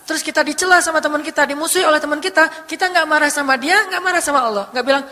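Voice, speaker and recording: A male preacher giving a casual, conversational sermon, telling stories with lively delivery. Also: very high voice, rapid-fire. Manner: animated storytelling, acting out quoted voices. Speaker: Islamic preacher. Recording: echoey hall with long reverb.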